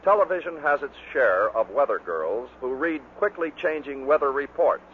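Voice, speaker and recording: An American man, the narrator of a bloopers record, reads scripted narration introducing a series of clips. His mid-range voice is animated and moves at a moderate pace. The tinny, band-limited vintage record carries faint noise.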